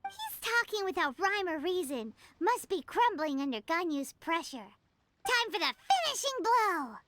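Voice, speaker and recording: A woman voicing a tiny, excitable female fairy companion in a game, chirpy and eager. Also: extremely high pitch, moderate pace, slight background noise, exaggerated voice. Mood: perky.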